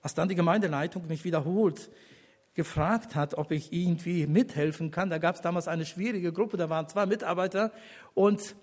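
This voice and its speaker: An older man who serves as a church elder gives an earnest personal testimony as a sermon, in a voice that runs a little high. He speaks deliberately, with pauses, then rises to emphatic appeals to the congregation.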